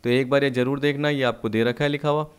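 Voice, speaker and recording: A man teaching an economics lesson, explaining step by step and slowly reading out textbook lines in English. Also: mid-range voice, steady tone, smooth. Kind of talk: recorded online lesson.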